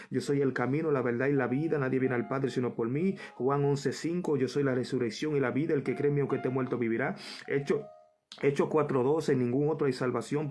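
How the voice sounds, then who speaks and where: A man's voice: mid-range voice, a little mellow. A man preaching a Bible study, reading verses aloud and repeating them for emphasis while calling the listeners brother.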